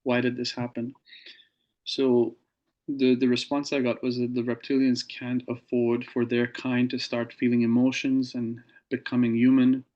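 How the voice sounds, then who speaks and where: Flat-voiced man telling his story. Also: medium pitch, moderate pace, dull audio. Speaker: interview guest. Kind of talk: recounting a personal experience.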